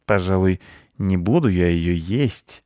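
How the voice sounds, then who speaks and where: A man voicing an unhurried, deadpan male cat who speaks with mock kindness in a storybook reading. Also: low-pitched, no room sound, clean studio sound, close to an everyday voice. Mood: pensive. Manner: slow, mock-kindly, deadpan.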